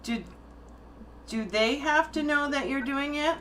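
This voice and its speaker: A woman's voice: sits high, a little slow, sharp tone, a little hiss or hum, low-quality recording. A woman hosting a casual interview, chatting and asking follow-up questions. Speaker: host interviewer.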